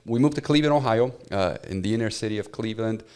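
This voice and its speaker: A man's voice: fairly low pitch, fast, darkish tone, clean tone. A man in his forties, born in Romania and a native Romanian speaker, telling his life story as a podcast guest in an earnest, heartfelt way with many "uh" fillers. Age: 40s. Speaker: guest, professor. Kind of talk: personal testimony in a podcast interview.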